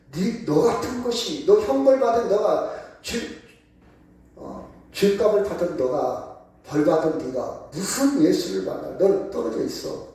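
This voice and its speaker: The recording catches a man's voice from far off in a very echoey church sanctuary as he preaches, pressing emphatic call-and-response questions. His voice sits high, darkish in tone.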